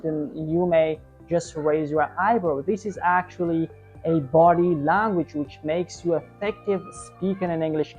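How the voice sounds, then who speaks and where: A woman's voice: on the low side, a little mellow, dull audio. A woman teaching an online English lesson, explaining tips and often checking in with "right?". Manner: tags many sentences with "right?"; coaching, repetitive explanation.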